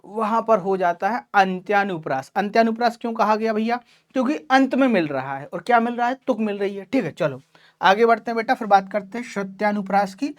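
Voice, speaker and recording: Speaking in Hindi online, a teacher with a brisk, medium-pitched voice explains things patiently to her class. She keeps checking in with them, warmly calling each student child.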